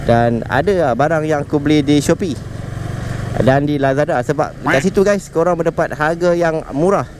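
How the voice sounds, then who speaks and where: A Malaysian-accented man talks to his viewers while he rides a motorcycle through city streets. He sits a little high in pitch for a man and keeps his tone easy and chatty. Wind and traffic noise stay clearly audible under his voice from the helmet mic. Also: normal speed. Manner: chatty, keeps calling viewers "guys", mixes in English words. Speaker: motovlogger. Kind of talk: casual riding vlog chat.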